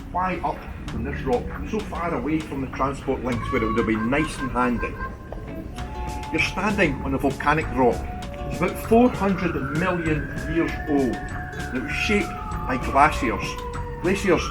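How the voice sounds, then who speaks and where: Broad Scottish man guiding a tour, higher-pitched voice. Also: poor audio. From Scotland. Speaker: castle tour guide. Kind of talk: guided tour talk to a group.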